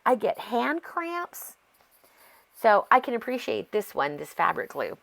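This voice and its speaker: A craft video host, an American woman sounding congested and sore-throated, chats and rambles as she narrates a craft process, easily sidetracked. Her slightly high, bit-bright voice is sing-song and unhurried with vocal fry, on a rough recording.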